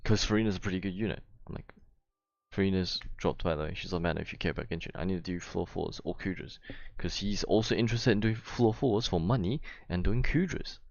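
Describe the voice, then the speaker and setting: A man's voice: sits low, fairly quick, gravelly, no echo, lo-fi sound. A young man casually explaining himself in a rambling, slangy way, with some swearing and frequent check-in tags. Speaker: gamer, vlogger. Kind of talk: casual explanation to camera of a dispute with friends.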